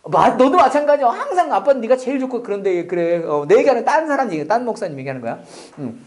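Male pastor, sermon, quick delivery, lively pitch, loud bursts dropping to whispers, joking asides. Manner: animated, swinging from loud exclamations to near-whispers, joking asides.

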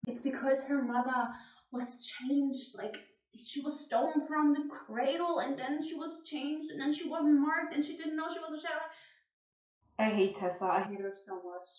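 A woman's voice: sits high, moderate pace. A young woman giving a casual, blunt, exasperated book reaction vlog in a tiled bathroom, picked up from a little distance. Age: young adult. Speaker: book vlogger. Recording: roomy, distant, dull sound.

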